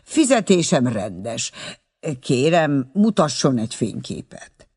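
A man's voice: medium pitch, very animated, a little mellow, husky. A man voicing an awkward, flustered young man in an audiobook reading. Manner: awkward, hesitant.

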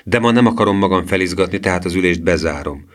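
A man's voice: low voice, natural voice. A man voicing a stubborn young boy who talks back with indignation, in an audiobook reading. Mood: defiant.

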